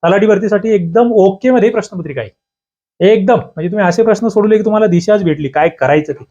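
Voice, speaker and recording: A man teaching an exam-preparation lesson, talking in a lively, emphatic way and quizzing the listener with rhetorical questions. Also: high-pitched, quick pace. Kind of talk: online exam-prep lesson. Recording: dull lo-fi sound.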